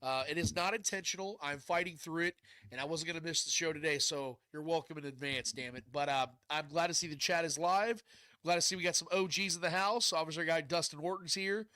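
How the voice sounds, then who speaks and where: A man's voice: on the high side, a little fast, sharp tone, no room sound. Stuffed-up, nasal man hosting sports talk. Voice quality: congested, nasal stuffed-nose voice. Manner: blunt, mild swearing, chummy slang. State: stuffed up, can't breathe through nose. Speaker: sports show host.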